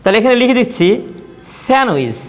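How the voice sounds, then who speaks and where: A man with a Bangladeshi accent teaching a spoken English lesson, slowly repeating example words to contrast how they are pronounced. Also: very high voice, very animated, soft background music. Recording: long reverb.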